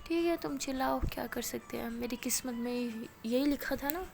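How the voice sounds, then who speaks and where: A woman's voice: high-pitched, moderate pace, gravelly, darkish tone, a little hiss or hum. A woman voicing a sulky, sarcastic college girl. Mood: sarcastic sulking. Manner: sarcastic, sulking, playful.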